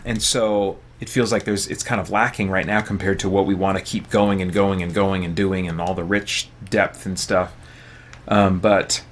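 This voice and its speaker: A man hosting a gaming channel, chatting casually and thinking aloud with many fillers while he plays. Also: lowish voice. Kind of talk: casual chat while playing games.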